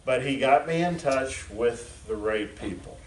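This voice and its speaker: A man in his seventies, a veteran, giving a frank, reflective talk to an audience with many pauses and fillers. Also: mid-range voice, far from the mic, a little hiss or hum. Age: 70s. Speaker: veteran speaker. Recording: echoey room, voice from afar.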